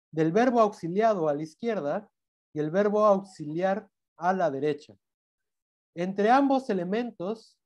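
A man's voice: sits high, a little mellow. Man, Mexican Spanish accent, university lecturer, grammar lesson, patient, self-correcting, tag questions. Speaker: university language teacher.

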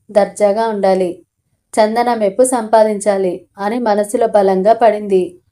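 A woman narrator reading a romantic novel aloud in a steady, even storytelling manner. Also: mid-range voice.

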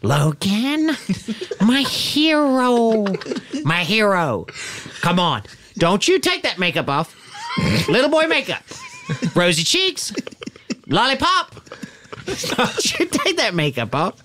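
A man's voice: high voice, wildly swooping pitch, slow, long pauses, bright, forceful tone, a little hiss or hum, full character voice. A man playing a manic, bullying, scheming basketball coach, ranting and repeating orders in an improvised comedy halftime pep speech. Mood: fired up.

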